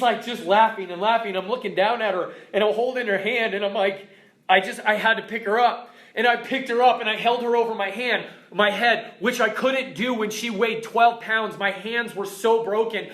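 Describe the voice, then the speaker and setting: A man's voice: high-pitched, fairly bright tone, echoey room. A man in his thirties, the founder of a fitness program, telling an emotional story as a motivational talk to his members.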